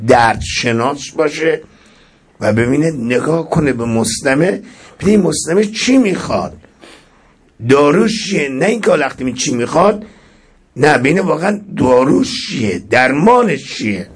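A man delivering a religious sermon with a husky voice, reciting verses and swinging between sudden loud rises and soft drops. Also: mid-range voice. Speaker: preacher.

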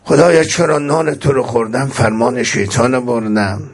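A male preacher giving a sermon at a middle pitch. He intones Arabic verses slowly, then explains them in plain colloquial speech, and his voice rises in emphatic bursts. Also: steady tone, slightly rough.

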